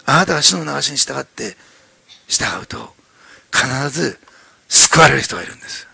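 Male pastor, sermon, raspy and gravelly, bright tense tone. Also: a little high, fast talker, no echo. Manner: animated preaching, acting out quoted voices, many fillers. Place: church.

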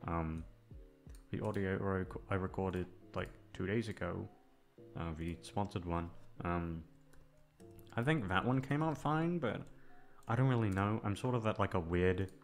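A man whose voice sits low speaks in an animated yet unhurried way. He's an ASMR channel host and voice actor talking casually to listeners, hesitant, rambling, self-deprecating and freely swearing, a little back from the mic, with soft guitar music in the background.

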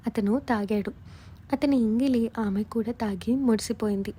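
A woman storyteller doing scripted narration in a steady, measured reading. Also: a little high.

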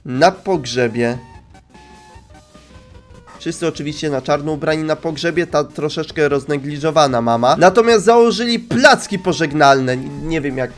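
An excitable young man gives casual, joking reaction commentary, tossing off quick asides. His voice sits a little higher than most men's, with faint music playing underneath. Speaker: YouTuber reacting to animations.

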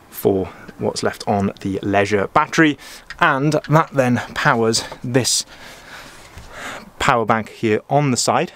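A Welsh van sales manager with a fairly low, fairly bright voice gives a chatty walkaround of a camper van, inside it and out on the dealer's lot, holding the phone camera himself. He keeps saying "as I say".

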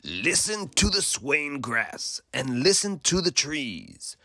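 A man's voice: fairly high pitch, very animated, slow, sharp tone, dry recording, studio quality, voice pushed up, full character voice. A man voicing a kind, wise little cricket with a soothing, lilting voice in a storybook. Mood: kindly.

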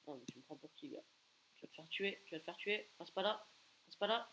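A man giving excitable live gameplay commentary, taunting opponents and bursting into repeated exclamations. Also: high-pitched, brisk, rough recording. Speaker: gaming video creator.

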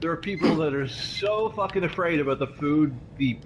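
A man's voice: on the high side, normal speed, a little hiss or hum, rough recording. A man who is half Canadian, chatting casually and swearing through jokes while gaming with friends. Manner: crude, swearing joke-teller. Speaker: gamer on voice chat.

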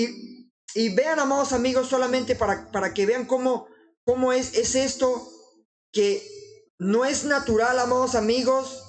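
A man preaching informally in an earnest, exhorting way, often halting and restarting his sentences. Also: very high voice, poor audio.

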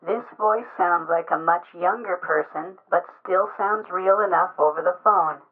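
A man using an electronic voice changer to sound like a much younger woman, heard over a tinny phone line. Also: measured pace. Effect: pitch-raising voice changer.

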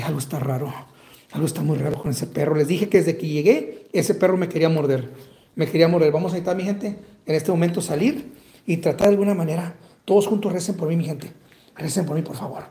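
A man with a Mexican accent hosting a live paranormal investigation stream, urgent, calling out loudly to a spirit and then dropping to hushed whispers. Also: fairly high pitch, quick pace. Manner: urgent, shifts between loud calls to a spirit and hushed whispers. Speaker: paranormal livestream host.

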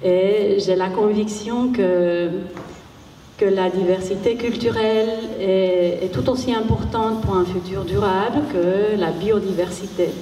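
Middle-aged woman on a panel, really slow n mellow, measured, echoey hall. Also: mid-range voice, fairly even intonation, soft background music. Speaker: panel speaker. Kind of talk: unscripted panel talk. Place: large warehouse hall with seated audience. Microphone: handheld microphone. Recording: echoey hall, distant, background noise.

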